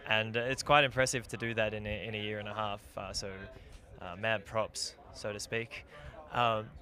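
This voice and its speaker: A man interviewing students on a live stream outdoors at a launch site, upbeat with quick questions. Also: on the low side, little pitch movement, crowd noise. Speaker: livestream interviewer.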